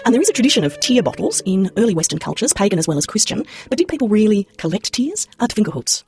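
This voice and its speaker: Lively fast-talking woman host. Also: mid-range voice. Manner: inquisitive, leading questions. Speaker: radio host. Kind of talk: radio documentary presenting.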